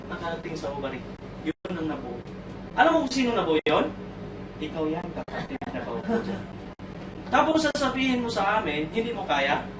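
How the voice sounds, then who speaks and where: A man giving a comic motivational talk to an audience at a sales orientation, teasing them and asking questions. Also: high voice. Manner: animated storyteller, teasing, asks the crowd questions; mixes in English phrases. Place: seminar room with audience. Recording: echoey room, far from mic, noisy.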